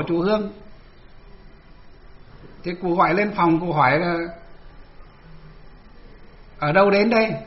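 Vietnamese monk recounting his ordination, muffled. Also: high voice. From Hoa Binh, northern Vietnam. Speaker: Buddhist monk. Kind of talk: storytelling talk about his ordination.

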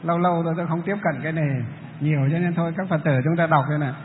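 A man's voice: a little high, fairly even intonation, very fast, a little hiss or hum. A male Buddhist monk giving a dharma talk, patiently explaining and answering audience questions. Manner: explains patiently, breaks into chanting demonstrations. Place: large lecture hall. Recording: tinny, echoey hall recording.

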